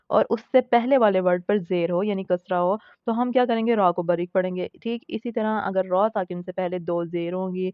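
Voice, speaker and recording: A woman teaching a tajweed lesson, patiently explaining recitation rules, repeating her points and slowly sounding out example words. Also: medium pitch, dry recording, highs cut off. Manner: patient, repeats points and checks in with "theek hai".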